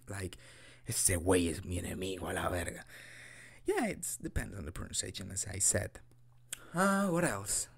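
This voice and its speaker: Fairly low and full of vocal fry, this young man's voice carries a Mexican accent from his native Spanish. As an audio roleplay creator, he plays a boyfriend teaching Spanish in a loose, improvised lesson, sounding dorky, giggly, hesitant and quick to poke fun at himself.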